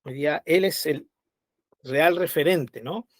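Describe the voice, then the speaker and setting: A man's voice: fairly high pitch, takes it slowly, dry recording, clean studio sound. A man teaching a Bible study, conversational and often checking in with his listeners. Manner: conversational, checks in with frequent tag questions.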